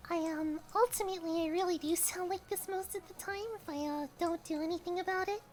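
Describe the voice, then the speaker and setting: A woman's voice: steady tone, fairly quick, a little mellow, faint music behind. A woman voicing a shy, cutesy little anime girl, chatting casually like a cute streamer on a game livestream. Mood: bashful, rambling. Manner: cute anime streamer, squeaky-sweet and bashfully apologetic. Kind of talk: casual livestream chat while gaming.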